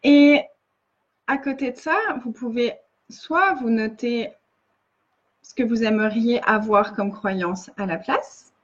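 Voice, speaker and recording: A woman's voice: fairly high pitch, slow pace, muffled recording. A woman facilitator giving earnest casual coaching in a live video, often restarting and repeating phrases.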